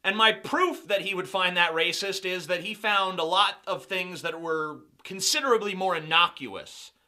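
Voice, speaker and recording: Young male commentator, sarcastic and mocking, high bright voice. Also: moderate pace. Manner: mocking, sarcastic, laughs at own jokes. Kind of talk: sarcastic commentary on video clips.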